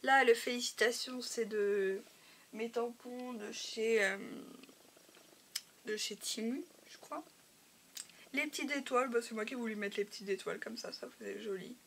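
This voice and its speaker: Femme au timbre éraillé, un peu nasale. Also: female voice, on the high side, normal speed, gravelly, slight background noise. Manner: hesitant, many fillers, drops to a soft whisper at times. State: slightly nasal from a cold. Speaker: crafting vlogger. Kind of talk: casual show-and-tell.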